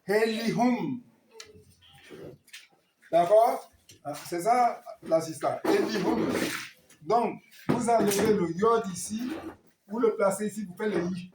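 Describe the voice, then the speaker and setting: Slow, high-voiced man teaching a class. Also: echoey room, background noise. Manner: questioning and correcting students, encouraging. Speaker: Hebrew teacher. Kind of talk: classroom lesson.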